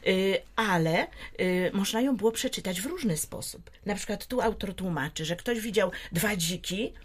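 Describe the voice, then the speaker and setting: A woman's voice: mid-range voice, expressive, moderate pace, slightly rough. A woman talks at length about a children's book in a studio. She gropes for words, with frequent filler sounds and restarts as she explains. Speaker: guest recommending a children's book.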